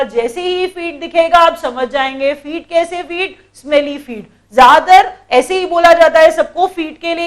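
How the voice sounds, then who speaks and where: A woman with an Indian accent teaches English vocabulary in a lesson, with a high, light voice. She explains patiently, says each word more than once and keeps quizzing her students with questions. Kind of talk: classroom lesson.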